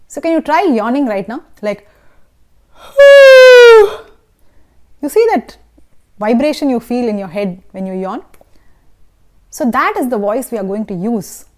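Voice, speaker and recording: A woman's voice: fairly high pitch, darkish tone. A woman teaching a vocal lesson who explains patiently and often checks in with "okay?" and "right?". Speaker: singing teacher. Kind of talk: vocal lesson with sung demonstrations.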